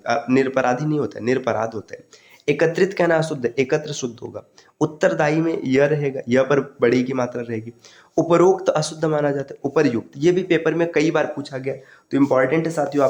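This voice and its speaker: A man's voice: mid-range voice, darkish tone. A male teacher giving an online exam-prep lesson, steadily drilling correct and incorrect word forms and addressing students as friends.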